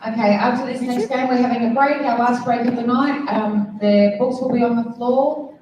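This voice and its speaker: A woman with an Australian accent working as a bingo caller, reading out numbers and hall announcements in a measured, formulaic way. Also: steady tone, darkish tone, highs cut off. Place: large bingo hall over a PA. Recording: echoey hall PA, distant, faint rumbling noise.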